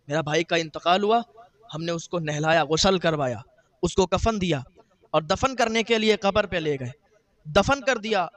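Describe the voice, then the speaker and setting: A man preaching in a sermon, telling a story with emotion and voicing the grieving brother's words. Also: high voice.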